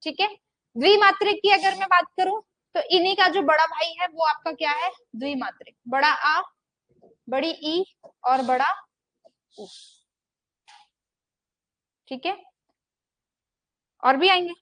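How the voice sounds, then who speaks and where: A young woman with a high voice teaches grammar in a steady lecture rhythm. She asks the class a question, pauses, and answers it herself, and she stretches vowels out to demonstrate them. The recording is close and dry, with no room sound. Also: no room sound. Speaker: Hindi teacher.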